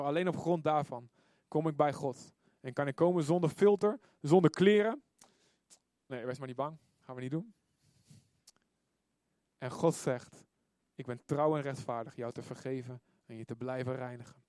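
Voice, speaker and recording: A man delivers a sermon with fervent urgency, his voice sitting fairly high for a man. The recording is dry and close, with no room echo. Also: normal speed, darkish tone. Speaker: preacher. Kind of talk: sermon with altar call.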